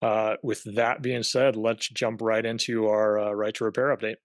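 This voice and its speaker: A man presenting on a video-call webinar as a government affairs director, speaking haltingly with many fillers and restarts. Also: on the low side, level tone, no echo.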